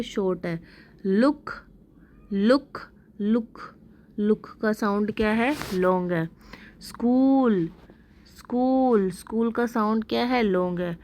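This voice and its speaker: A woman's voice: fairly high pitch, a little mellow, a little hiss or hum. A woman teacher explaining a textbook lesson, mixing Hindi and English, who asks questions and then answers them herself. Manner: mixes Hindi with English words and sentences.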